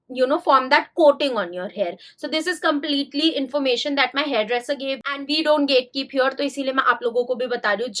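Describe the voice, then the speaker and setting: A young woman with a high, bright voice talks casually to camera. She mixes Hindi and freely in a chatty vlog manner. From India. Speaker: beauty vlogger.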